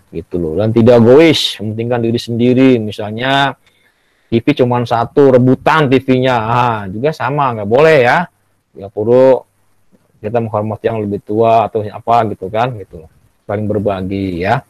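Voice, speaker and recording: A man's voice: medium pitch, normal speed, darkish tone, dry recording. Male Indonesian schoolteacher on a video call, dry sound, coaxing, keeps checking in with "ya". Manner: repeats "ya" and "gitu loh" often, coaxing; acts out children's tantrums in a raised voice. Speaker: teacher. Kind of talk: online class lesson.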